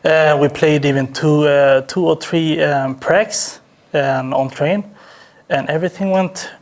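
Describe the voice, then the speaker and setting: A man with a fairly high, steady voice speaks as a team captain in a post-match interview. He talks hesitantly and haltingly, leaning heavily on fillers and often starting over.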